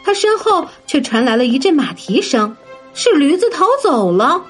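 A woman narrating a children's story in a gentle, sing-song manner, addressing young listeners. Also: high voice, very animated, moderate pace. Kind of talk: scripted bedtime story narration. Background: soft background music.

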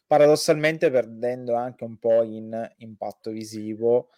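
A man's voice: mid-range voice, level tone, measured pace, warm tone, no room sound. Vehement man talking film, dry close sound. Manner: vehement, sarcastic, swears freely. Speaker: podcast co-host. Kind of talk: casual opinionated film chat.

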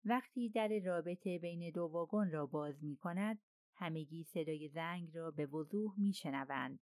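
A woman reading a crime novel aloud as an audiobook narrator in a steady storytelling manner. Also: low-pitched, no room sound.

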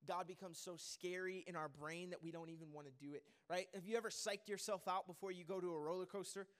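A man preaching a sermon as a pastor, lively and joking, rambling with fillers and restarts. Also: high voice, fast talker, smooth.

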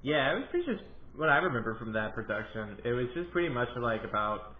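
A man's voice: medium pitch, very animated, quick pace, a little hiss or hum. Phone-like, echoey man hosting a podcast. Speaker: podcast host. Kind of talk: casual chat. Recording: roomy, thin phone-like line.

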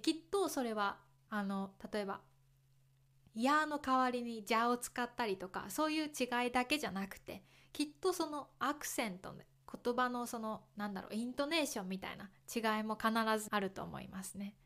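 A woman from Kyoto hosting a podcast for Japanese learners, speaking slowly and clearly, explaining gently and repeating examples. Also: a little high. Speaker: podcast host teaching Japanese. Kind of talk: slow, clear talk for learners.

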